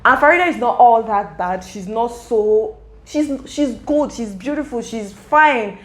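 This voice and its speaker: A woman's voice: fairly high pitch, animated, unhurried, poor audio. A young woman casually recapping a web series episode, talking straight to the characters. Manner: chatty, emotional asides to the characters.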